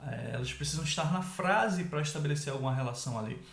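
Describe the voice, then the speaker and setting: Guy teaching grammar online, gravelly voice, echoey room. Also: a little high, quick pace. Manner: lively, explaining step by step with tag questions.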